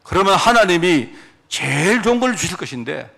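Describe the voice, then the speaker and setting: A middle-aged man preaching a sermon as pastor, animated, acting out quoted prayers. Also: high voice, brisk, creaky. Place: church sanctuary.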